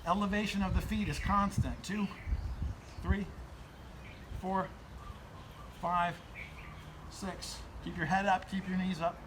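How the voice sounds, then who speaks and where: A high-voiced man in his forties coaches exercise in a casual, encouraging way. He is recorded outside in a garden, with clear noise behind his voice. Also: steady tone, slow pace, pauses often. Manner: encouraging, counts and cues. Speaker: fitness trainer hosting a workout video. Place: outdoor garden.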